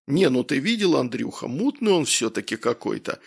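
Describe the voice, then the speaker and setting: A man's voice: mid-range voice, big pitch swings, normal speed, creaky, breathy edge, heavily acted. A man voicing a brash, hard-drinking middle-aged man with a blunt, boisterous way of talking, in an audiobook.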